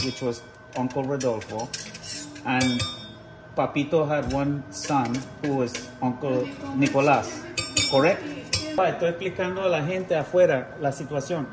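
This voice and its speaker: In his home kitchen, a man from Trinidad hosts a casual vlog, explaining a recipe and frequently checking in with short tag questions. His voice is medium-pitched, and the recording is very noisy.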